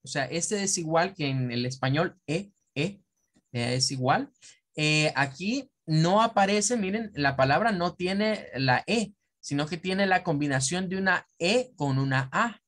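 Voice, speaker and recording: Slow-talking man teaching English pronunciation. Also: fairly high pitch, lively intonation, fairly bright tone. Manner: slow, repetitive, drawing out example sounds. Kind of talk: classroom pronunciation lesson.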